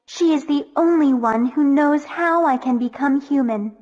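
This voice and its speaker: A woman's voice: high-pitched, measured pace, pitched above the performer's own voice. A woman voicing a timid young mermaid girl in a children's storybook, anxious and earnest. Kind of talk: storybook narration. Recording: dull lo-fi with soft music.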